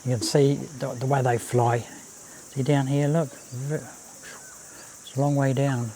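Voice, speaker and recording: Mellow New man outdoors by a creek. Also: mid-range voice, flat delivery, takes it slowly. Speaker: walking vlog host. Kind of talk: casual nature walk commentary. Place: outdoors on a bush walkway and swing bridge by a creek. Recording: outdoor ambience, faint insect noise. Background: cicadas, birds, babbling creek.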